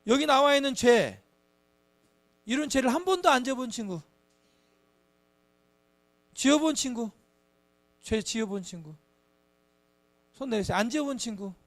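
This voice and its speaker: A man's voice: extremely high pitch, a little slow, long pauses. A man teaching a Bible lesson to children, acting out taunts and asking them questions. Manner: animated, acts out children's taunts; asks the children frequent questions. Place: church.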